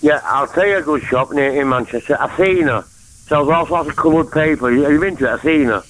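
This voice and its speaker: A caller from England with a Mancunian accent rambles on a phone-in, jumping from topic to topic. His voice is fairly high, fairly quick and a bit bright, captured in a rough recording.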